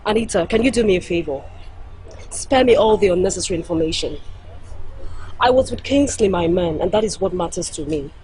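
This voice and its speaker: A woman's voice: on the low side, lively intonation, fairly quick, darkish tone, slight background noise, natural voice, rough recording. An actress with a Nigerian accent playing a stubborn, lovesick young woman who defends herself. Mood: defensive.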